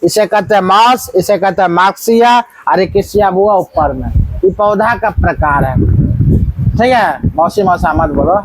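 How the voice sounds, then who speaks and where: High-voiced man quizzing a class. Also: moderate pace, poor audio. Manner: quizzing students with repeated questions. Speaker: teacher. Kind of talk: classroom biology lesson.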